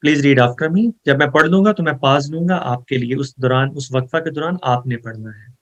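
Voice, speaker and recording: A man teaching Quran memorization, explaining pronunciation rules and reciting verses in a slow, drawn-out chant. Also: medium pitch. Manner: explains Urdu rules mixed with English words. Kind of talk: online recitation lesson.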